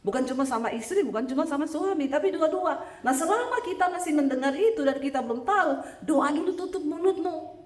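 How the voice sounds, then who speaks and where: Woman preacher, high voice, lively testimony sermon, joking with the congregation, echoey church hall. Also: fairly quick.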